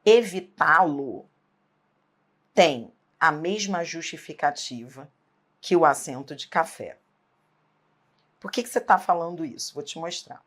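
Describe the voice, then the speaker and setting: A woman's voice: low voice, unhurried, pauses often. A woman teaching an exam-prep grammar lesson, emphatic, asking rhetorical questions and checking in often.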